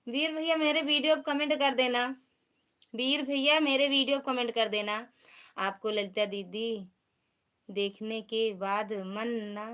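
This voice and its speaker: Bright-voiced Awadhi woman hosting a live stream. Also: high-pitched. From Uttar Pradesh. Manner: chatty, teasing, greets viewers by name. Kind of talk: casual live-stream chat reading out viewer comments.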